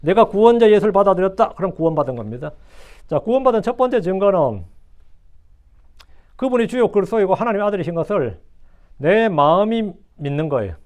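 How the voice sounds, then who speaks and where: A man's voice: high-pitched, sing-song, a little fast, pauses often, a little mellow. A male pastor preaching a sermon, repeating his phrases, asking rhetorical questions and dropping English phrases into his talk.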